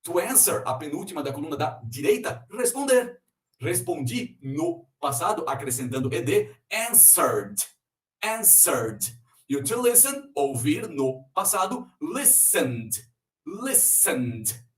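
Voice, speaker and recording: A man with a fairly high, lively voice leads an English pronunciation lesson. He talks through the rules patiently and says each example word twice. He sounds a little far from the mic in an echoey room. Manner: explains slowly and repeats example words. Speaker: English teacher. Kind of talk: recorded online lesson.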